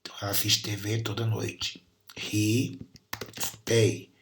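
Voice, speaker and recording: A man's voice: lowish voice, flat delivery, takes it slowly, noisy background. A Brazilian man teaching English grammar and pronunciation, patiently repeating sounds and words to demonstrate them. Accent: Brazilian Portuguese. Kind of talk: recorded class lesson.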